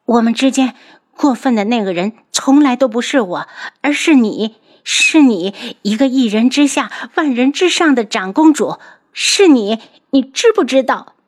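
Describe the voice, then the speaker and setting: A woman voicing a scornful young man of a royal house who shouts bitter accusations at his mother. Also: unhurried. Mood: bitter, furious. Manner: shrill, accusing, furious.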